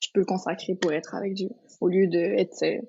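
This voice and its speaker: Young woman, from Colombia, podcast guest, earnest, halting, slightly dull recording. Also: on the low side, flat delivery, creaky, background noise. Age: 20s. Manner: earnest, many fillers and restarts. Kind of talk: casual testimony chat.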